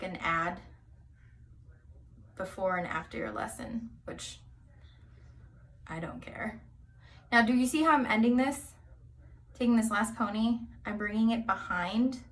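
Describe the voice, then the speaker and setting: A young woman chats her way through a hair tutorial, wandering off on tangents with lots of "um" and "like", now and then sinking into a whisper. Her voice is mid-pitched and sits a little back from the mic. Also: far from the mic. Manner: chatty and rambling, many fillers, drops into whispers. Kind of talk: casual rambling tutorial chat.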